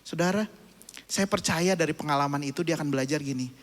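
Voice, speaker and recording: A man's voice: a little high, fast. A man preaching a sermon, telling a family story and acting out the voices in it. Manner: storytelling, acting out his child's and his own voices. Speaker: pastor. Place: church hall. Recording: church hall with long reverb.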